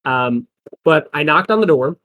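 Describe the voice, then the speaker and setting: A man's voice: a little high, expressive, measured pace, narrow, tinny audio. A young man co-hosting a casual podcast, telling stories with quoted voices and frequent laughs. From American Midwest. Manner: storytelling, acts out quotes, laughs often. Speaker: podcast co-host. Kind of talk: casual chat.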